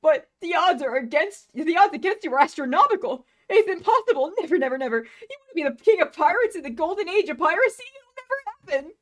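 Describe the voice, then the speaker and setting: A woman's voice: big pitch swings, fast, few pauses. A jittery young cabin boy. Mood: panicky. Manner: anxious, high-strung, squealing.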